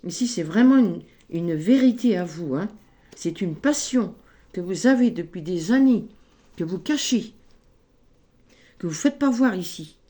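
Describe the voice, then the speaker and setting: A woman giving a spoken tarot card reading, slow and gently encouraging, often adding little tags as she goes. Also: fairly low pitch, lively intonation. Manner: slow, gentle, encouraging, frequent "hein" and "ici".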